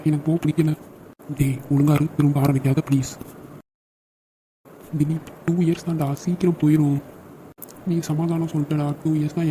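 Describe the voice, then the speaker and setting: A man's voice: fairly high pitch, mellow, a little hiss or hum, close to an everyday voice, rough recording. A man voicing the young men of a family in a cartoon drama, brotherly and joking in manner. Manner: brotherly, joking, quick-talking.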